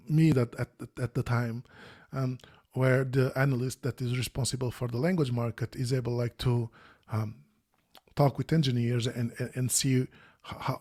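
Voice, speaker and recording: On a video call, a former search quality analyst answers as an interview guest in a mellow, medium-pitched voice. His speech is thoughtful but full of fillers and restarts.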